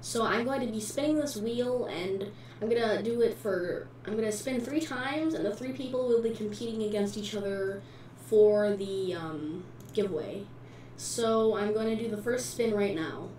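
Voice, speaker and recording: A woman's voice: medium pitch, normal speed, darkish tone. A woman casually narrating a giveaway video as its host, recorded away from the mic in a room. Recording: echoey room, distant mic, faint noise.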